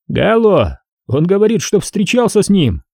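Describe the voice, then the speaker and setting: A sneering smoker of a cop, his voice pushed up high and taunting, picking at every answer, as a man puts him on. The tone is husky and warm, read close and dry as an audiobook character. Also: wildly swooping pitch, moderate pace, no echo, exaggerated voice. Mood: mocking. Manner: mocking, needling, high-pitched. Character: sneering smoking male police officer.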